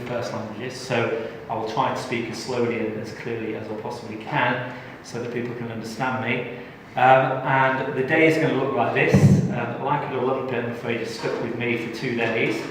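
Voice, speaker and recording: A man's voice: medium pitch, background noise. A middle-aged man from England giving a live tax training session, chatty and joking with the audience. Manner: jokey, chatty, engages the audience. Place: large training room. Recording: echoey hall from far off.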